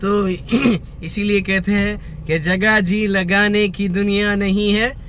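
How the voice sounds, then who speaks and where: A man vlogging slowly and earnestly about faith, repeating his points and reciting devotional verse, with a lingering cough that keeps breaking in. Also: high voice, level tone, a bit bright, a little hiss or hum. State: lingering cough, clears throat often. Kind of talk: slow reflective religious talk to camera.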